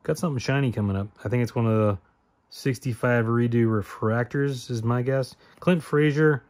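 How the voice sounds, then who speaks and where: A man talks through a card-opening video in a relaxed, rambling way, reading off names in each pack. He keeps second-guessing himself and correcting his own memory out loud, at a middling pitch for a man. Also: normal speed. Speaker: card-opening channel host. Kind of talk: casual card-opening commentary.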